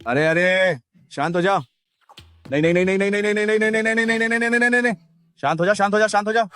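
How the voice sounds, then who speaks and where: A man's voice: high-pitched, very fast, bright, forceful tone, clear, resonant tone. An actor dubbing a sleazy male thug who leers and then begs in panic. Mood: panicked. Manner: leering, then pleading in panic. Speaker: hired thug. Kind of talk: Hindi dub of a drama.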